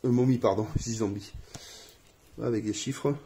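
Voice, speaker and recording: Relaxed French man unboxing a game. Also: medium pitch, moderate pace, slight background noise. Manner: relaxed, laughs at his own English accent. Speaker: board game reviewer. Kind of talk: casual unboxing chat.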